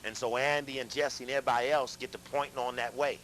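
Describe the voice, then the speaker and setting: A man lecturing a live audience, animated, asking them questions and repeating himself as he talks. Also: mid-range voice, quick pace, a little hiss or hum, rough recording. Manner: animated, addresses audience directly, repeats and restarts.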